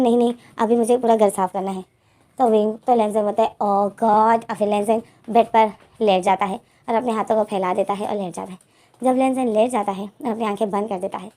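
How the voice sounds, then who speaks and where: A woman's voice: medium pitch, warm tone. A woman casually narrating a fan fiction story, voicing both characters' lines in her own voice.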